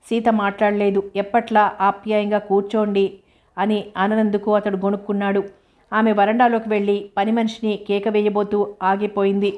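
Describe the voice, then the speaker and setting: A woman narrator reading a novel aloud in a steady, measured way. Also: mid-range voice. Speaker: audiobook narrator.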